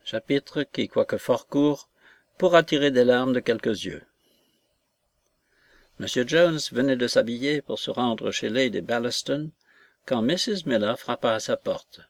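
A male audiobook narrator with a measured, deliberate delivery. His voice sits at a middling pitch. The sound is dry, with no room echo. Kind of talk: scripted narration.

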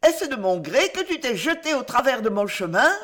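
Reader doing a young female singer, distraught, tearful, high-pitched. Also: big pitch swings, measured pace. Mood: furious. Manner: pleading, tearful, then furious.

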